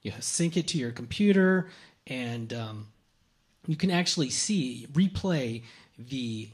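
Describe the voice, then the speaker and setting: A man's voice: medium pitch, expressive, slow pace. A man co-hosting a casual tech news chat, explaining gadgets with lots of fillers and restarts.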